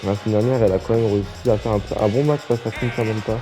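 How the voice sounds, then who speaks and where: A man's voice: on the low side, fairly even intonation, fast talker, over music. A man commentating a wrestling game casually, rambling and joking with many fillers.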